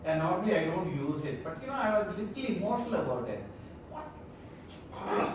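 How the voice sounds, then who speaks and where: A man's voice: high voice, sing-song, moderate pace. A man with a Malayalam accent leading an interactive training talk as a corporate trainer, often putting questions to his listeners to check they follow. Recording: echoey room, distant mic, loud background noise.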